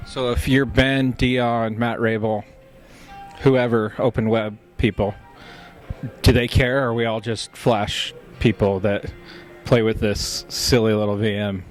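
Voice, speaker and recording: A man's voice: fairly low pitch, flat delivery, measured pace, soft background music. Joking man co-hosting a podcast. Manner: joking, teasing. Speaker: podcast co-host. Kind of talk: casual podcast chat.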